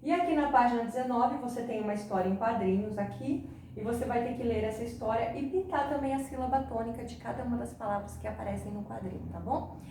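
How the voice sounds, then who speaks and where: A woman teacher going through workbook exercises for her students in a patient way, often pausing to check in with them. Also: a little high, dark tone, far from the mic, slight background noise. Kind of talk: recorded remote lesson explaining exercises. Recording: very echoey room, voice from off the mic.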